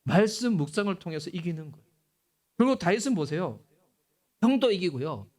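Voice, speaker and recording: A man preaching a sermon as pastor, animated and acting out the voices he quotes. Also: high-pitched, brisk. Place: church sanctuary.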